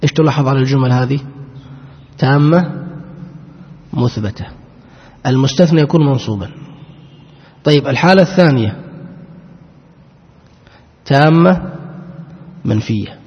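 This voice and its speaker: A man teaching grammar, who asks his own questions, answers them, and draws out each example sentence slowly. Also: mid-range voice, slightly rough. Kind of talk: Arabic grammar lesson. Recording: muffled lo-fi recording with long hall reverb.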